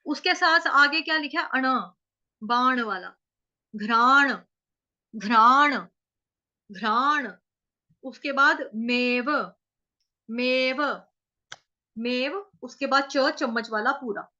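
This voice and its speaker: High bright woman teaching pronunciation slowly. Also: lo-fi sound. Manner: breaks words into syllables, repeats them slowly; asks and answers her own questions. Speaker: Sanskrit chanting teacher. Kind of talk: pronunciation lesson in Hindi.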